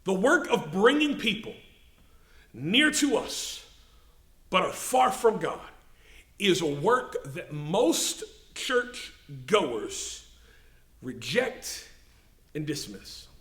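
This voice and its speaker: A pastor preaching a sermon, swelling to emphatic peaks and slowing to stress key words. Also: male voice, high voice, big pitch swings, fairly bright tone, echoey room. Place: church sanctuary.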